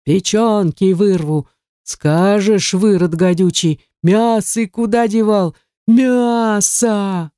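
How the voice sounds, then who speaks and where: A man's voice: sits high, slow, mellow, smooth, no room sound, studio quality. A woman growling as a brutal peasant man. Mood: furious. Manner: growling, threatening.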